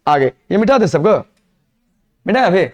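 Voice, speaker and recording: High-voiced man teaching a class. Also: very animated, unhurried, muffled recording. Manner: repeats quiz questions to the class, mixes Hindi and English. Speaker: biology teacher. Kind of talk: classroom lecture.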